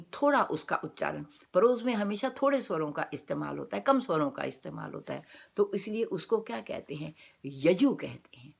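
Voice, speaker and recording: A woman's voice: on the low side, fairly bright tone. A woman giving an academic lecture, explaining step by step and posing rhetorical questions that she answers herself.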